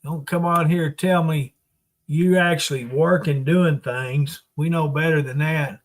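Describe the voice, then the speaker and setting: A man with a Southern US accent hosts a casual live stream. His voice sits a little high for a man and moves in a slow, unhurried drawl. He chats with viewers in a folksy, teasing way. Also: steady tone. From Arkansas, United States.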